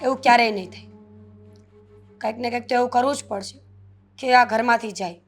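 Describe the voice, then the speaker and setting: A woman's voice: fairly high pitch, brisk, soft background music, lightly acted. A woman acting a resentful elder sister-in-law in a family drama.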